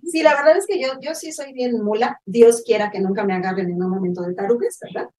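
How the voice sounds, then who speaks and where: A woman's voice: on the high side, fairly quick, far from the mic, rough recording. A Mexican woman co-hosting a casual podcast chat, telling stories and acting out phone calls in put-on voices. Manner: animated storyteller, acts out phone calls in voices. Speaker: podcast co-host.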